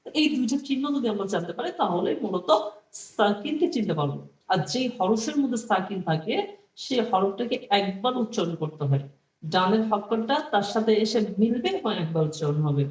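A man teaching Quran reading in a calm classroom style, explaining each rule slowly, repeating it and chanting short rhymes to help it stick. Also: sits high, distant mic. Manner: slow, deliberate explanations, repeats each rule and often says "হ্যাঁ". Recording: echoey room, voice somewhat off-mic.

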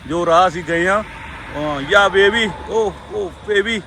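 A man's voice: high-pitched, slow pace. A man chatting casually and playfully on camera, outdoors at a roadside stop. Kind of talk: casual joking chat on camera. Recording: faint outdoor traffic noise.

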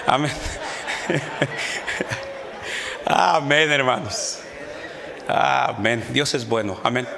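A middle-aged man preaching a sermon in church, rising to shouts and peppering his talk with amens. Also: mid-range voice, extremely slow, gravelly, pauses often, crowd noise. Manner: mimics quarrelling voices in his anecdotes. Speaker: pastor. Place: church sanctuary.

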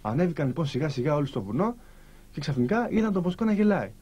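Husky, animated male storyteller. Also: fairly high pitch, highs cut off. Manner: lively, animated, pausing between short phrases. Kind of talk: storytelling to listeners.

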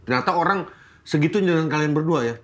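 Male co-host, Jakarta slang, slightly high voice, quick. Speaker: podcast co-host. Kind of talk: casual chat.

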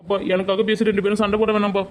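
A woman voicing a tearful young grown son in an animated family comedy-drama, crying and begging his mother's forgiveness. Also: mid-range voice, rapid-fire, close to an everyday voice. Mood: pleading, tearful. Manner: pleading and apologetic.

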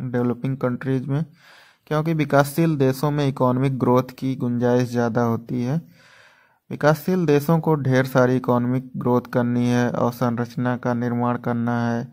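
A man explaining an economics topic in a measured, textbook-like lesson style. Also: mid-range voice, darkish tone. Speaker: educator.

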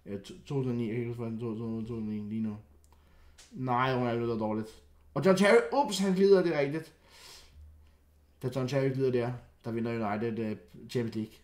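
Excitable young man reacting to football. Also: mid-range voice, roomy sound. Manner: excitable, stammering restarts, loud outbursts then muttering. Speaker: streamer reacting to football clips. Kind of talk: casual reaction commentary.

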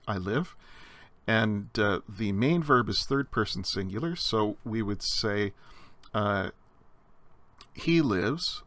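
A man's voice: lowish voice, gravelly, sharp tone, dry recording. A man giving a recorded slide lecture on Greek grammar, explaining step by step with frequent fillers and restarts.

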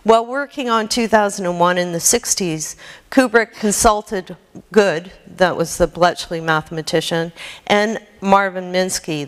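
Female keynote lecturer, lowish, smooth voice, measured reading, reverberant hall. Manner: measured reading with occasional slips and restarts. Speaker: keynote speaker. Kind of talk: academic lecture reading prepared text. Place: lecture hall with projected slides.

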